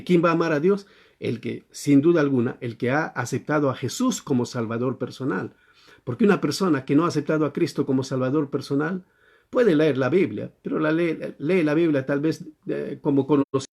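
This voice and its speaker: During a church service held in quarantine, a male pastor with a Chilean accent preaches a sermon, teaching and often putting questions to his listeners. His voice is fairly high-pitched with a darkish tone.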